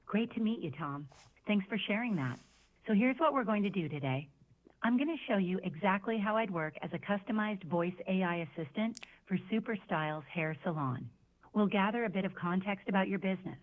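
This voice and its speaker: A woman's voice: medium pitch, expressive, brisk. A synthetic female voice acting as a receptionist, heard over a phone line and speaking in friendly, scripted assistant phrases. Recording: tinny phone line played through a speaker.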